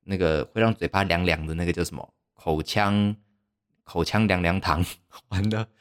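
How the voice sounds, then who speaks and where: Young man, deep low voice, rambling self-mocking storytelling, podcast host. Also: normal speed, clear, resonant tone. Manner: rambling, self-mocking, heavy use of fillers. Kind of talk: casual storytelling monologue.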